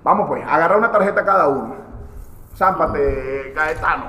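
A man with a Venezuelan accent, a comedian telling jokes on a live show. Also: normal speed. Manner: animated storyteller, swears often, repeats lines in high put-on voices. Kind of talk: joke telling. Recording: echoey hall.

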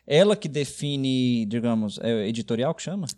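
A man's voice: mid-range voice, animated, moderate pace, a little mellow. A man hosting a podcast with a Brazilian Portuguese accent, asking questions casually and restarting them often. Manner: hesitant, restarts his questions. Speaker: podcast host.

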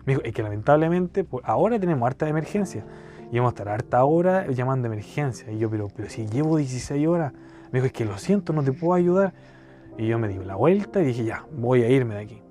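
A man's voice: medium pitch, lively intonation, fast, warm tone, faint music behind. A young man with a Chilean accent telling a rambling personal story in slangy casual speech. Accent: Chilean Spanish. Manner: rambling, slangy, keeps saying cachai. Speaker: podcast storyteller.

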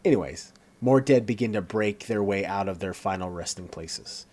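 Low-voiced man recapping scenes. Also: animated, moderate pace, darkish tone. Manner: reads along with fillers and self-corrections. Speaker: co-host recapping a TV episode.

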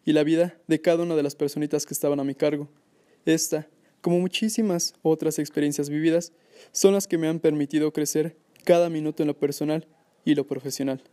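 A man reads a teacher's letter aloud in a steady, earnest way. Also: a little high.

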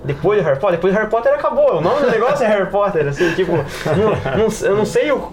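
Talking rapid-fire with big pitch swings in a high voice, a Brazilian podcast panelist rambles casually about tabletop role-playing, full of slang and filler tags. Crowd noise sits clearly in the background.

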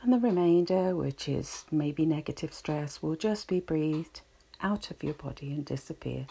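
A woman guiding a relaxation session in a slow, soothing, reflective way. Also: low voice, animated, vocal fry, mellow, husky. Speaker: relaxation guide. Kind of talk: guided relaxation talk.

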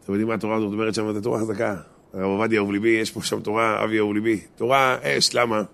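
A man, a rabbi giving a lively, jokey Torah talk to a small congregation and asking his listeners questions. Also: fairly low pitch, vocal fry. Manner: animated, jokey, addresses listeners directly with questions.

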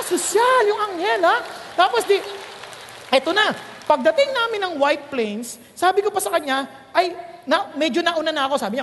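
A middle-aged male preacher tells everyday stories in a sermon, laughing as he goes. His voice leaps up and down with animation. The sound rings with the long reverb of a large hall. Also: very high voice. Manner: lively, laughing storyteller. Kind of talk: sermon in mixed Tagalog and English.

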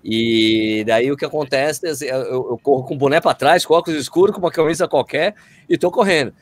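Fast-talking Brazilian Portuguese man, casual storyteller. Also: mid-range voice. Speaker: running video creator, interview guest. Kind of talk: casual chat.

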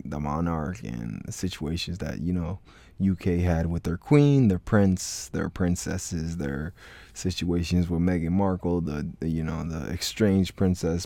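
A deep-voiced man hosting a solo podcast, with a mellow, dark tone recorded close and dry. He talks casually and rambles, leaning on filler words and restarting his sentences. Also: no room sound. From Florida, United States. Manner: rambling, heavy on "like, you know" fillers and restarts. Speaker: podcast host.

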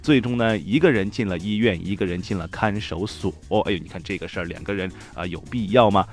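一位带四川口音的男主持人，用口语化、调侃式的新闻播报腔讲幽默时事评论。. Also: male voice, fairly low pitch, quick pace, soft background music. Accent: Sichuan. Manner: colloquial, joking, mock-newscaster delivery. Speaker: host of a comic news show. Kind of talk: humorous news commentary in Sichuan dialect.

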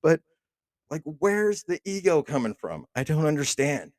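A man's voice: fairly high pitch, very animated, a little slow, no room sound. A man in his thirties hosting a solo podcast, delivering a profane, rambling rant full of restarts. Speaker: podcast host. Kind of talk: casual solo monologue.

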